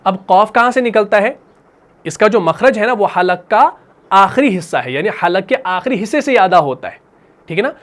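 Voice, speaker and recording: A man teaching a recitation class, patiently asking questions and answering them himself, repeating each term slowly. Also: high voice, animated, fairly bright tone. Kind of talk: classroom lesson.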